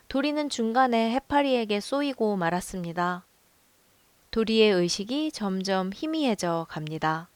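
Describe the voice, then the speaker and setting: A woman narrating a film review in a calm, measured storytelling voice. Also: a little high, clear, resonant tone, dry recording. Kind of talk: scripted voice-over narration.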